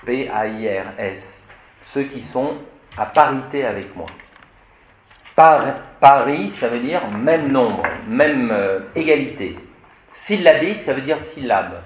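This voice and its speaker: A man, a priest, teaching a grammar lesson to a class, explaining word by word in a slow, deliberate way. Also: medium pitch. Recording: echoey room.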